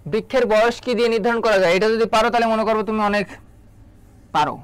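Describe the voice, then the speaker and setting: A man's voice: sits high, clear, resonant tone, no echo. A man teaching an online exam-prep biology class, quizzing students and repeating key terms to drill them. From Bangladesh. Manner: quick, drilling delivery.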